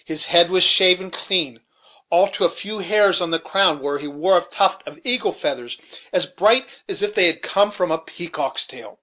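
A man's voice: sits high, animated, moderate pace, pushed and bright. A man voicing a garrulous old frontier hunter who rambles through memories in a folksy rustic dialect, in an audiobook reading. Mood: reminiscing.

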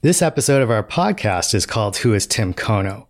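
A man's voice: on the low side, sing-song, a little fast, no echo. A man hosting a podcast with scripted narration, recorded dry and close. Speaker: podcast host.

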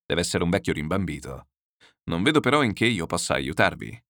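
A booming, good-humoured old general from a classic novel, hearty and loud, who breaks into laughter between his lines, as a male reader plays him. The voice sits low but swings freely, and the recording is dry. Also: big pitch swings, fairly quick, no room sound, exaggerated voice. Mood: jovial, laughing. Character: jovial, boisterous old general, laughing loudly.

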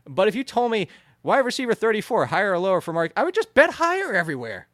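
A man with a fairly high voice and a lively, swooping delivery hosts a podcast in casual chat. He teases his co-host and presses his points insistently. The sound is dry and close. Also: quick pace, no echo. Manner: animated, teasing, insistent.

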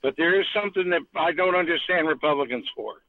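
A male caller on a tinny phone line who rambles on with emphasis and restarts his sentences as he goes. His voice sits a little high for a man, and it sounds dry and narrow. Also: quick pace, dry recording. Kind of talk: call-in political rant.

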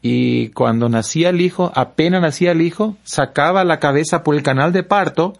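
A man's voice: on the high side, normal speed, vocal fry. A man from Paraguay, a pastor, speaking on a talk show, telling anecdotes and asking rhetorical questions. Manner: storytelling, preachy rhetorical questions.

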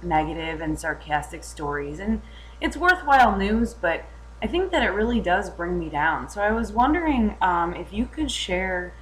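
A woman's voice: medium pitch, big pitch swings, normal speed, a bit bright, slight background noise, rough recording. Woman leaving a voicemail message. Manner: friendly, a bit hesitant with fillers. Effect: voicemail message played back on the show. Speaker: listener calling in. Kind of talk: casual spoken voicemail.

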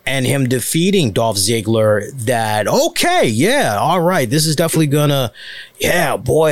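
A man gives unscripted commentary as a show host. He talks slowly in a rambling, halting way, with a medium-pitched voice and a close, dry sound. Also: no room sound. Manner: halting, rambling, emphatic filler phrases.

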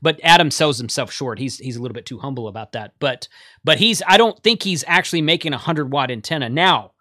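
A man's voice: medium pitch, expressive, a little fast, bright, forceful tone, dry recording, studio quality. A man hosting a livestream in a casual, conversational style. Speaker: livestream host. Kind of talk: casual chat.

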